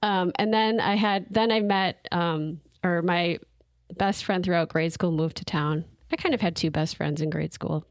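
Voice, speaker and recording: A chatty woman co-hosting a podcast, her voice sitting a little low. She laughs easily and often restarts mid-sentence. The sound is dry and close, with no room around it. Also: normal speed, dry recording. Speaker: podcast co-host. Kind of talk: casual chat.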